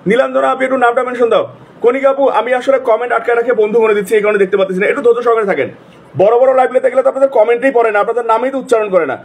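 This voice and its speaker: Man live-streaming, very high husky voice, rattling off names. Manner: repetitive, rapid name calling. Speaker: livestream host. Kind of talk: casual live-stream shout-outs.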